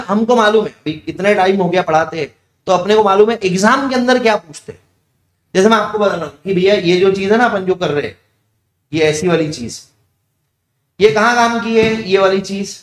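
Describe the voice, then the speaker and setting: A young male teacher talking with his students in a chatty aside, asking questions and then answering them himself. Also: high voice. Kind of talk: casual classroom digression. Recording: echoey room.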